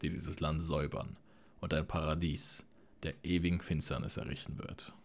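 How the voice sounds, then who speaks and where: Audiobook villain: a man playing a smug old necromancer, soft purring menace, very deep voice. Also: fairly even intonation, moderate pace, vocal fry, exaggerated voice. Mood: silky menace.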